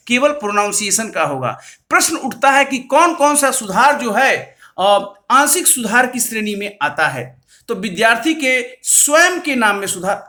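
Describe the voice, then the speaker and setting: A man's voice: high-pitched, bright, forceful tone. A man explains board procedures in an earnest, slide-based lecture, repeating key points and reading out addresses and numbers.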